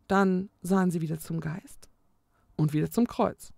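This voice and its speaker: Brief: woman reading a children's story, slow and gravelly, close dry mic. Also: on the low side, dry recording. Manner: calm, measured storytelling. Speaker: storybook reader. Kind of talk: reading a children's book aloud.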